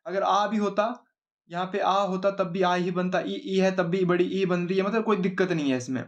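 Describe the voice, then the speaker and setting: Standing at a board, a male grammar teacher gives an exam-oriented lesson in a high, steady voice at normal speed. He explains plainly, repeats questions before answering them himself, and often says 'है ना?'. The recording is muffled.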